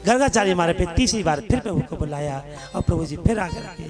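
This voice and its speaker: A man's voice: high-pitched, expressive, quick pace, over music. A man with a lilt, an emphatic devotional preacher telling a sacred story and giving instruction. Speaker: Bhagavat katha preacher.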